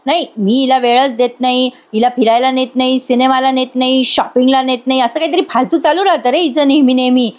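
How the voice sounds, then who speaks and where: A bullying, hot-tempered husband who shouts and mocks his wife, as a woman reading a recap puts him on. The voice sits high. It is a plain voice-over read with little disguise. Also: fairly even intonation, fairly quick, hardly any pauses, close to an everyday voice. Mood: angry, mocking. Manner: shouting, mocking.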